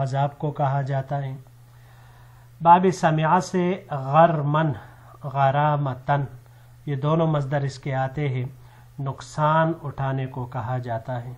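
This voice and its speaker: Man teaching, word by word, lo-fi. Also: a little high. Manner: measured, listing word forms and meanings one by one. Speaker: Arabic teacher. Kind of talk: lesson explaining vocabulary. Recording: slightly dull lo-fi recording.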